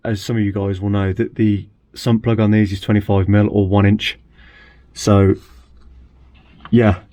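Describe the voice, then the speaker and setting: Low flat-voiced man fixing a car. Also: unhurried, no room sound. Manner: chatty, thinks aloud while working, dry asides. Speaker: car repair channel host. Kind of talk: casual DIY car repair vlog.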